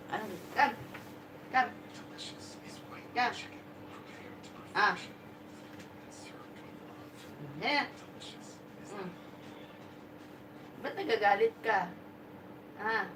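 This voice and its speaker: A woman's voice: medium pitch, expressive, drawn-out words, long pauses, recorded from a distance. A woman hosting a casual live stream, coaxing her dog and greeting viewers in a mix of Tagalog and English. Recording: echoey room, phone mic from afar, background noise.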